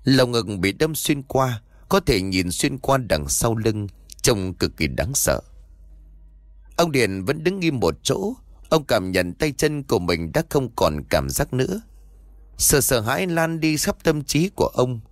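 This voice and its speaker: A man's voice: medium pitch, sing-song, a little slow, no echo. A man narrating a horror story in a dramatic, suspenseful way, recorded close to the mic.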